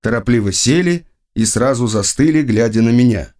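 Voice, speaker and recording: A man narrating an audiobook in a measured, dry storytelling manner. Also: mid-range voice, lively intonation, a little mellow. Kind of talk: scripted narration.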